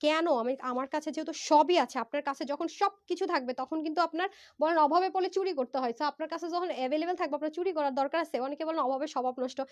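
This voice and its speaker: Brief: hoarse woman seller, high voice, rapid persuasive live pitch on a phone. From Bangladesh. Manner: fast, persuasive, mixes in English words. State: hoarse from a fever. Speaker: online clothing seller. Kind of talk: live-stream sales pitch. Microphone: phone livestream.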